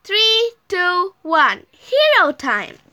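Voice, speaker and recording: A woman reading a children's story aloud in an animated, sing-song manner. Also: extremely high pitch, extremely slow.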